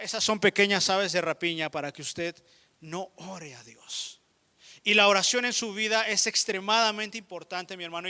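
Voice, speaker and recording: A man with a Mexican accent preaching a sermon as pastor, speaking straight to his congregation in an animated way. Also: sits high, clean tone. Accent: Mexican Spanish.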